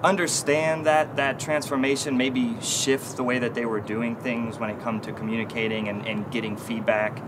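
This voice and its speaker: A man's voice: mid-range voice, flat delivery, moderate pace, few pauses. A man in his thirties, a guest consultant, explaining his work in an outdoor interview with many fillers and restarts. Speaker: consulting team lead, guest. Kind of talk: corporate interview. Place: outdoor stone bench in an urban courtyard. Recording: outdoor city noise behind.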